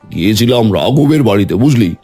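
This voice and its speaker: Cartoon: male actor as a sly village schemer, dark husky voice, teasing twisty talk. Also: medium pitch, sing-song, quick pace, soft background music. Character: sly scheming village man, friend, loves twisting words.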